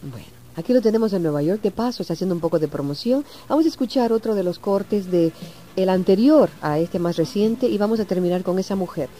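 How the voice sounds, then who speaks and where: A woman hosting a radio show from a studio, effusive and affectionate with her guests. Her pitch swings in a lively way, and her tone is mellow and warm. A faint noise sits behind her. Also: fast talker. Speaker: radio host. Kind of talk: radio interview. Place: radio studio in New York.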